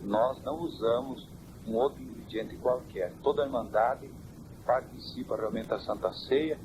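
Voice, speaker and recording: Man, church elder, measured preaching answers, old cassette with heavy hiss, mid-range pitch. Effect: old worn cassette tape. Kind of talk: interview answers. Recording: hissy worn cassette tape.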